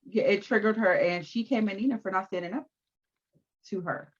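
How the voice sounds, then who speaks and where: A woman co-hosting a casual recap chat, animated and laughing often as she acts out quotes. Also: medium pitch, normal speed, dull audio. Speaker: podcast co-host.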